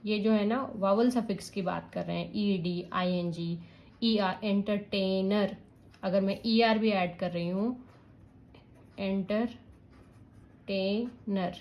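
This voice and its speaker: Slow, patient woman teaching. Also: medium pitch, dull audio. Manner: patient, step-by-step explaining with checks like "yes". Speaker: parenting channel teacher.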